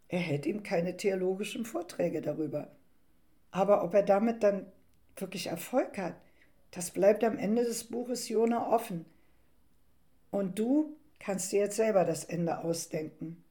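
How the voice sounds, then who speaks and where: A woman tells a Bible story in the first person and then reflects on it. Her delivery is calm and unhurried, and her tone is mellow and soft. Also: medium pitch.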